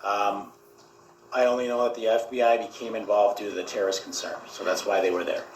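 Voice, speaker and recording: A man's voice: lowish voice, flat delivery, a little fast. Man, detective witness under cross examination, matter-of-fact, guarded, roomy echo, faint noise. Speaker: police detective testifying as witness. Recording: echoey courtroom with faint noise.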